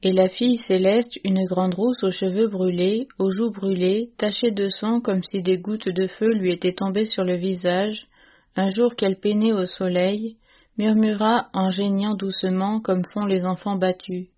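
A woman's voice: mid-range voice, highs cut off. Woman reading a classic tale aloud. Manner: measured, expressive storytelling. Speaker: narrator. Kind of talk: audiobook reading of a classic story.

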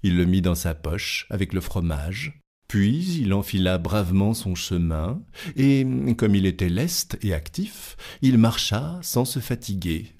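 A man reading a fairy tale aloud as narrator, with lively, expressive storytelling. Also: sits low, unhurried.

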